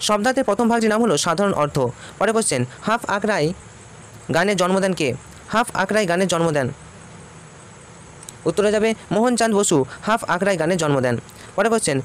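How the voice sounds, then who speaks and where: A teacher speaking quickly in a high voice works through exam questions, reading each one aloud and then stating the answer and repeating it for students. Faint traffic can be heard in the background.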